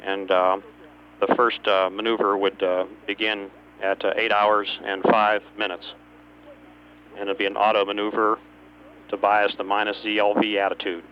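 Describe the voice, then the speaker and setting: A man's voice: fairly low pitch, level tone, moderate pace. A man working as a capsule communicator, making procedural, slightly hesitant radio calls to a spacecraft over a dull channel. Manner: procedural, hesitant between phrases. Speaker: capsule communicator at ground control. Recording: dull radio channel with faint noise and hum.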